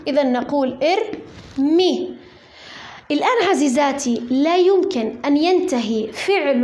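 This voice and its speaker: A woman with a Levantine Arabic accent teaching a grammar lesson to a class. She asks the class questions and answers them herself, and slows to dictate word by word as she writes. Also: high voice. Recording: echoey roomy recording.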